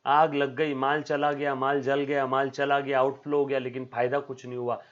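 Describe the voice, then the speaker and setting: A man's voice: medium pitch, flat delivery, moderate pace. Repetitive teacher drilling his students. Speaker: commerce teacher. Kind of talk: recorded video lecture. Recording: slightly dull lo-fi sound.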